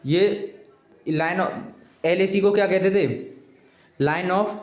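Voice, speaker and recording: Male coaching teacher, high-pitched, roomy echo, repetitive and chatty delivery. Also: fairly even intonation, extremely slow. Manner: repetitive, keeps saying "okay friends"; pleading with viewers, informal. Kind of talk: exam coaching lesson.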